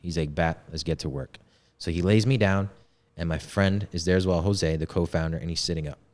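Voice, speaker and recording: Young man with a very low voice, relaxed and slangy; a guest telling a candid story on a podcast. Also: brisk. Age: 20s. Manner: slangy and candid, heavy on "yo" and "bro". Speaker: podcast guest, men's coach. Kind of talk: casual storytelling.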